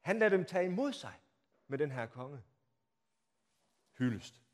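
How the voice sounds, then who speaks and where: A man preaching a sermon, telling the story dramatically, acting out the crowd's shouts and asking the listeners rhetorical questions, swinging from hushed to loud. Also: a little high, very animated. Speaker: pastor. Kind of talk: Palm Sunday sermon.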